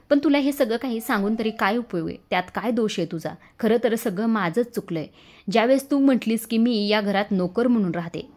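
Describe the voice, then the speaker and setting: A woman's voice: medium pitch, a little mellow, natural voice. A woman voicing a stern, self-blaming husband in a retold TV serial, speaking in a heavy tone. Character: stern guilt-ridden husband, adult man.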